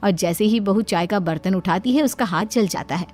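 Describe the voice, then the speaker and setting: A woman narrating a cartoon moral story in a steady storytelling manner. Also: mid-range voice, moderate pace, over loud music.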